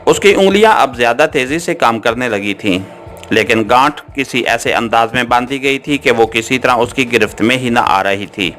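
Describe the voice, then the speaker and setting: A male audiobook narrator reading a thriller steadily at a middling pitch. Soft background music runs under his voice throughout. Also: moderate pace. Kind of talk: scripted novel narration.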